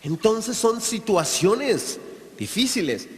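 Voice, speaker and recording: High-voiced preacher in a hall. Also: male voice, big pitch swings, slow. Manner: emphatic, speaks straight to the audience. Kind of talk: preaching talk. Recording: long hall reverb.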